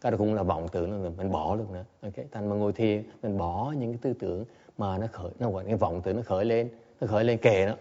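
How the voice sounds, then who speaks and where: Male Zen teacher, low warm voice, gives a temple dharma talk in two languages. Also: fairly even intonation, fast talker, dull audio. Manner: repeats each point in two languages, with chuckling asides. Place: temple Buddha hall.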